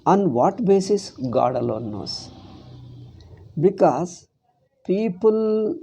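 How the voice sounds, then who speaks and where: A man's voice: sits high, very animated, extremely slow, vocal fry, mellow, breathy edge. A man with a South Indian accent giving an informal spiritual lecture as a Vedanta teacher, emphatic and given to rhetorical questions and repetition.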